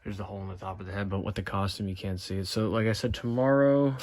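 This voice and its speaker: Low-voiced American man, casual repair narration. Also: steady tone, fast talker, a little mellow. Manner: matter-of-fact, unscripted. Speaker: hobbyist repairing a Halloween animatronic.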